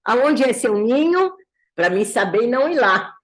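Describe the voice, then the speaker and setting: A woman's voice: fairly high pitch, sing-song, normal speed. A woman voicing a hungry, sly male hawk in a folk tale she tells. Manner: casual, reassuring, sly.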